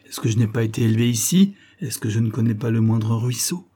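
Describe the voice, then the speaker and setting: A man's voice: mid-range voice, expressive, a little fast, warm tone. A man voicing a frightened young woman in an audiobook, urgent and pleading. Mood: resolute. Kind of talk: audiobook character voice.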